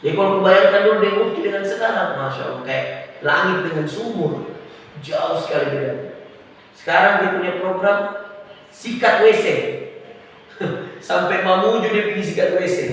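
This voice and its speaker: A man with a delivering a morning sermon in a mosque, switching from loud exclamations to hushed asides. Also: high-pitched, moderate pace, pauses often, distant mic. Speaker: preacher. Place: large mosque hall. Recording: echoey hall, voice from afar, faint noise.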